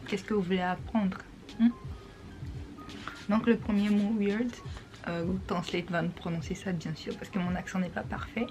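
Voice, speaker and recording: A woman vlogger explaining English pronunciation in a casual talk, repeating words slowly and patiently. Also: mid-range voice, steady tone, darkish tone, faint music behind.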